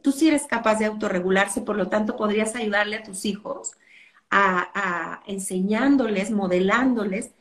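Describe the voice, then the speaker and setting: A woman's voice: mid-range voice, moderate pace, a bit bright. Woman teaching about parenting, earnest, plays out parents' quotes, roomy echo. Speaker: parenting educator. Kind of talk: explanatory interview talk.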